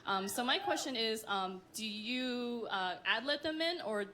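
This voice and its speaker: A woman's voice: on the high side, expressive, measured pace, sharp tone, a little hiss or hum. A woman in the audience politely asking a question, hesitant and full of fillers. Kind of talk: fan Q&A question.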